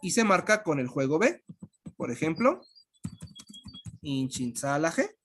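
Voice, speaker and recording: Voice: medium pitch, big pitch swings, moderate pace, a bit bright, a little hiss or hum. A language teacher giving an online lesson, patiently repeating and spelling out sounds.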